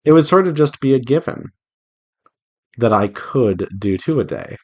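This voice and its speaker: A visual novel developer hosts a draw-along devlog, chatting casually to viewers while he draws and thinking aloud in a rambling, self-reassuring way. His mid-range voice is animated and moves at a normal speed, with a lo-fi sound.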